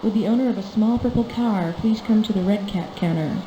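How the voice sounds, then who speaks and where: A woman voicing a calm airport announcer who gives soft, polite, unhurried pages over a public address system. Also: mid-range voice, muffled recording, a little hiss or hum. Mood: polite paging. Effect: soft announcement over an echoing public address system. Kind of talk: educational game voice acting. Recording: echoey loudspeaker announcement.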